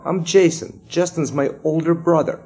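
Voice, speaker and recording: A man's voice: fairly high pitch, steady tone, normal speed, dark tone, husky, faint music behind, pitched above the performer's own voice. A man voicing a resentful schoolboy who is a younger brother in a children's story. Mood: grudging.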